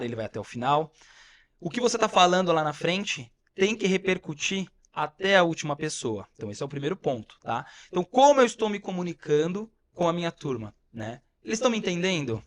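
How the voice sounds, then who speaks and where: A man's voice: fairly high pitch, sing-song, fast. Man explaining coaching tips in a podcast. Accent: Brazilian Portuguese. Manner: explains step by step, frequent "né?" and "tá?". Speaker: podcast co-host, fitness coach. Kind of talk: casual instructive podcast talk.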